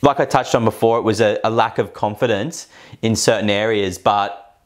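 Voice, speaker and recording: A man's voice: on the low side, fairly even intonation, normal speed. A man chatting on a podcast in a reflective, hesitant way, with many fillers. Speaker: podcast co-host. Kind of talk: casual podcast chat.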